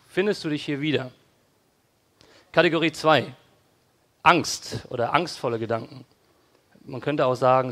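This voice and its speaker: A man's voice: mid-range voice, fairly bright tone. A man preaching a casual, conversational sermon in a church, addressing listeners directly and playfully acting out their worried and critical thoughts. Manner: conversational, ironic asides acting out worried inner voices.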